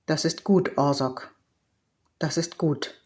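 A woman voicing a gentle old male village elder in an audiobook reading, soft-spoken and hesitant. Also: sits low, takes it slowly. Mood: calm.

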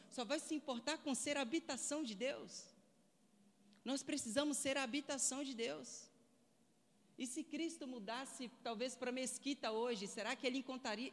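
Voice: sits high, long reverb tail. A preacher giving a sermon, asking the listeners one rhetorical question after another.

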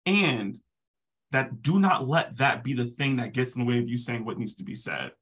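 Male therapist on a podcast: forceful, slightly husky, earnest, leans on repeated words. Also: mid-range voice, lively intonation, normal speed. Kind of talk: casual podcast conversation.

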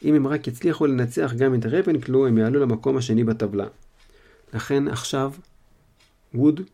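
Gravelly, mellow male storyteller. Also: medium pitch. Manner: retells in his own words with fillers. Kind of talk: casual storybook retelling.

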